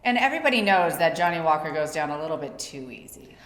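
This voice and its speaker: A woman's voice: deep voice, big pitch swings, fast talker, fairly bright tone. A young adult woman co-hosting a casual chat with dry, teasing banter. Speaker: podcast co-host. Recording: echoey room with long reverb.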